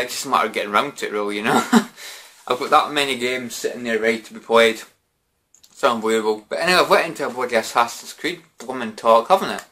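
A young British man talks to the camera in a casual, drunken ramble. His voice is mid-pitched and bright, with a forceful edge. He circles back over his points and throws in mild swearing and filler phrases. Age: 20s. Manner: repetitive, rambling, peppered with "you know" and mild swearing. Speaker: gaming vlogger. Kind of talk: casual vlog chat to camera. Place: small bedroom, indoors.

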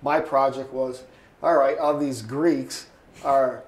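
A man's voice: mid-range voice, fairly even intonation, slow. Rambling older man, echoey room. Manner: rambling storyteller, acts out quoted voices. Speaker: interviewee, photographer. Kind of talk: oral history interview. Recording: echoey room, faint ambient noise.

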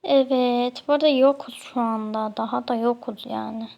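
A woman's voice: fairly high pitch, steady tone, normal speed, vocal fry, dull audio. A young woman from Turkey chatting casually while playing a game, scolding other players with mock annoyance. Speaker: gamer. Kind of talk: casual gameplay commentary.

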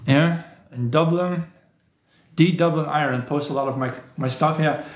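A man's voice: fairly high pitch, moderate pace, echoey room. A man from the southern Netherlands, hosting a live stream in a casual, rambling, opinionated way, often adding "you know". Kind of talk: casual live stream chat reading viewer comments.

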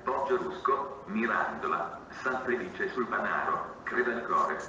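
A low-pitched man delivers a train station announcement in formal, segmented phrases, like an automated system. His voice rings out from a distant loudspeaker with a long, echoing reverb. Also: animated, a little slow, muffled recording. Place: outdoor railway platform, heard over loudspeakers. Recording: echoey station loudspeaker from far off, noisy. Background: clear station ambient noise.

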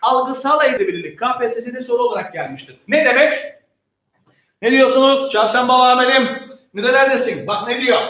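A man teaching an exam-prep lecture in a lively, playful, slangy manner, asking questions and answering them himself. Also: very high voice. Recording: echoey room.

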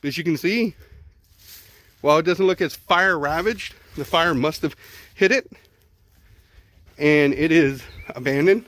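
At a ruined zoo outdoors, a middle-aged man with a Texan accent films himself on a handheld phone, narrating casually, thinking aloud and repeating words. His voice is fairly high and a bit bright, with a measured pace and long pauses, on a dry recording.

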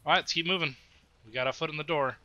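A man's voice: fairly high pitch, rapid-fire, bright, forceful tone, no echo. A man acting as commander in a military simulation game, mixing radio callouts with profane, casual squad chat over a gaming headset. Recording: slightly muffled gaming voice chat.

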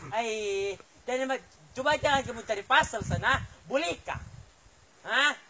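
A man's voice: very high voice, unhurried, sharp tone, a little hiss or hum. A man, up a tree outdoors, complaining and pleading on a phone call. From Filipino Suluk. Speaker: plantation worker on a phone call.

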